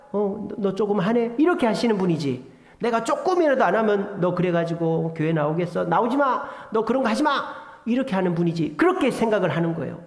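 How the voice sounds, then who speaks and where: A male pastor preaching a sermon, emphatic, swinging between loud exhortation and hushed asides. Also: high voice. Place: church sanctuary. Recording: echoey church hall with long reverb.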